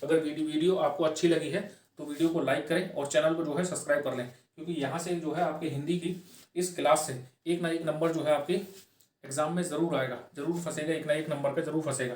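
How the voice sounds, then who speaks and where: A man runs an exam-prep grammar lesson, asking questions and answering them himself. He repeats key phrases slowly and keeps checking in with a quick "okay". His slightly raised voice comes from some way off the mic in a reverberant room. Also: a little high, fairly even intonation, darkish tone. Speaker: Hindi grammar teacher. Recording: echoey room, voice from far off the mic.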